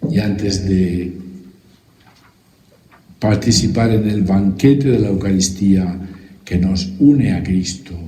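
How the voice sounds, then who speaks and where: A man's voice: sits low, dark tone. Man intoning prayers in church echo. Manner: solemn, measured intoning. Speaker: priest leading Mass. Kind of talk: liturgical prayer recitation. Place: large church. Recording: roomy church echo with faint music.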